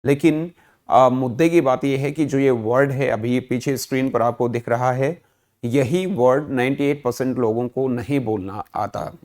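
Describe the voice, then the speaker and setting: A man with an Indian accent teaching a vocabulary lesson, mixing Hindi and English. He keeps firing quick questions at the class and answering them himself. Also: medium pitch, darkish tone.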